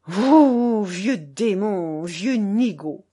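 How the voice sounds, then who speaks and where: Brief: old grandmother over 70, gruff and scolding, fussing, read by a woman. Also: a little high, sing-song, measured pace, darkish tone. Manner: scolding, grumbling.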